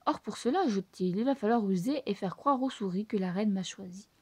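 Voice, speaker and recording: A woman's voice: medium pitch, brisk, mellow, slightly rough, no room sound, lightly acted. A woman voicing a scheming male rat villain who thinks himself king, with a grandiose, boastful manner, in a storybook reading. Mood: gloating.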